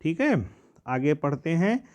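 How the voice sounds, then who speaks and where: An English teacher, reading a story aloud slowly and explaining each line in Hindi with questions to the class. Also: male voice, on the high side, big pitch swings, darkish tone.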